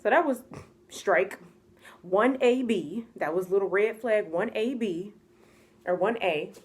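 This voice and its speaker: An American vlogger tells a casual storytime in a mid-range voice, speaking slowly. She's chatty, packs in lots of "like" fillers, and acts out the voices she quotes.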